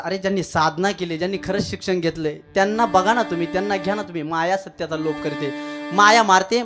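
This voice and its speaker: Marathi-accented male kirtan preacher, high voice, emphatic storyteller, live temple feel with instruments behind. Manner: emphatic, repeats key phrases, jokes with the audience, breaks into chant. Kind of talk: devotional kirtan sermon with storytelling and sung verses. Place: village temple.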